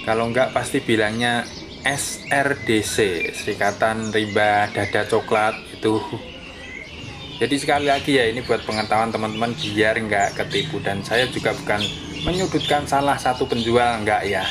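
A man's voice: fairly low pitch, normal speed. A man, chatting casually as a bird-keeping vlogger and explaining while he films outdoors with a phone. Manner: friendly, chatty, keeps saying "friends" with a dropping tail. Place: outdoors by bird cages on paving. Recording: phone audio with clear background noise.

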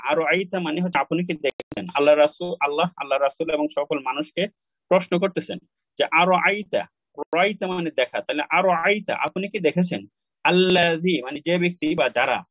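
A man's voice: fairly high pitch, slightly rough, dry recording, poor audio. A man, teaching Quran recitation in an online class and patiently repeating pronunciations for his learners.

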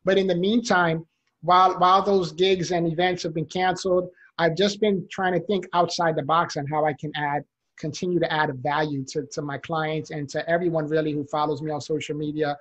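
A man's voice: fairly high pitch, flat delivery, fairly quick, a bit bright, lo-fi sound. A man in his forties, a motivational speaker, earnestly telling his life story on a video call from his home office, with plenty of fillers. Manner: earnest, conversational, with many fillers. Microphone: desktop condenser mic on a video call.

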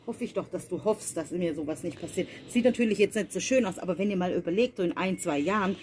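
Talking fast with lively intonation, a mother with a fairly low, darkish voice chats directly to her viewers as she plants in her garden at night. The casual family vlog has slight background noise.

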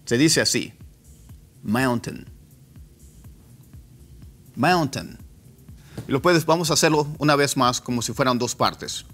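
A man teaching English pronunciation, repeating example words slowly as drills. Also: mid-range voice, a bit bright, faint music behind. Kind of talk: pronunciation lesson.

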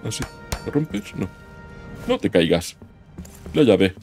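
A man with a low, gravelly voice narrates his own gameplay in a loose, chatty way, muttering to himself and breaking into sudden yelps. His pitch swings widely as he reacts to the game. Game music plays faintly behind him. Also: wildly swooping pitch, slow pace. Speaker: gaming YouTuber. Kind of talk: casual gameplay commentary.

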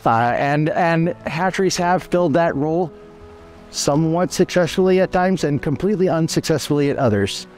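This is a tour of a fish hatchery, led outdoors by its manager beside a creek. He's a man in his forties with a slightly high, slightly mellow voice at a moderate pace, and soft music plays underneath. His delivery is earnest and matter-of-fact, broken by frequent restarts.

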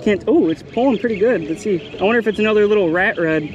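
A young man in his twenties giving chatty, excited running commentary while fishing from a small boat, recorded on a body-worn action camera. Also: high-pitched, fast talker, highs cut off, background noise. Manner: excited, chatty, calls viewers "guys" and "bro". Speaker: fishing vlogger host. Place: outdoors on a small boat on a bay. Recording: music playing underneath.

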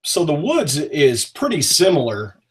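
A man from northern Maine hosting a casual live-stream chat over a webcam from a small home office, talking in a relaxed, friendly way with frequent pauses. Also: on the high side. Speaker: host. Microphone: webcam on a video call.

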